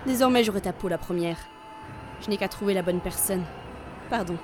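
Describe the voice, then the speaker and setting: A woman's voice: medium pitch, a little fast, noisy background, natural voice. A woman playing a coldly mocking seductress. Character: cruel, mocking seductress who wants her lover dead.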